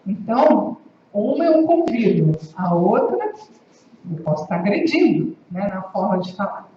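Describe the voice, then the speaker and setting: A woman's voice: medium pitch, big pitch swings, unhurried. A woman giving a conversational university lecture, often checking in with her listeners. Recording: echoey hall, distant, dull, faint hiss.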